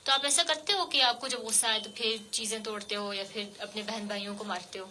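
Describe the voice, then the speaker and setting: Woman radio host, bright tone, fairly high voice, patient coaxing questions, slight hiss behind. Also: steady tone. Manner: gentle, coaxing questions with many fillers. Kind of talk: interviewing a child guest on radio. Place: radio studio.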